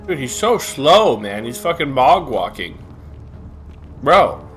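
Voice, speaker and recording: A man's voice: medium pitch, big pitch swings, slow, fairly bright tone. Casting: young male streamer, loose and profane, chatty over game music. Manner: rambling, profane, many fillers. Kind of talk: casual live-stream commentary.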